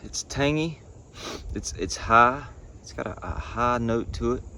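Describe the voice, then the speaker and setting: A man in his thirties giving a casual review to camera, speaking in short phrases with unhurried pauses. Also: mid-range voice, expressive, sharp tone, a little hiss or hum. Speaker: pipe tobacco reviewer. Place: outdoors in a pine wood.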